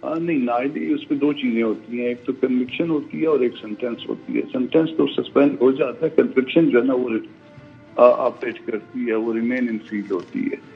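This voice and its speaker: A male senator giving measured legal commentary over a remote link, hesitant with many drawn-out fillers. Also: mid-range voice, creaky, faint music behind. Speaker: senator and guest. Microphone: remote phone or video link. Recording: tinny phone-line audio.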